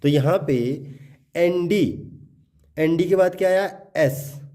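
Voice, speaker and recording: A man teaching English pronunciation, spelling out letters and repeating each word deliberately. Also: sits high, steady tone, dark tone. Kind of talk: classroom-style explanation.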